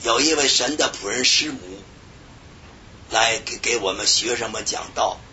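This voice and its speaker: A man preaching a sermon, telling a personal story with sudden shouted bursts. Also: moderate pace. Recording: dull lo-fi recording with faint rumble.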